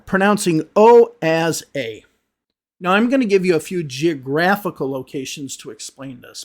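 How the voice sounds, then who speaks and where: A man from Chicago with an American accent, teaching an online English lesson with emphatic repetition and frequent "okay?" and "right?" checks. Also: on the high side. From United States (Chicago). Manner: emphatic, repeats words for stress, asks "okay?" and "right?".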